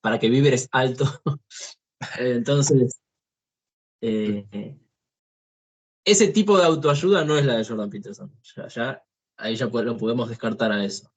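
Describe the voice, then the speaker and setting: A man takes part in a relaxed conversation and speaks hesitantly. He often repeats words and restarts before he finishes a thought. His pitch stays in the middle range. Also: measured pace, pauses often, breathy edge. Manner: hesitant, many restarts and fillers. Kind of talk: casual conversation.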